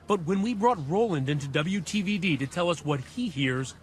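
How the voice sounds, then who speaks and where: A man narrating a television news investigation in a measured, dramatic scripted delivery. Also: sits high, expressive, slight background noise. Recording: music bed under voice.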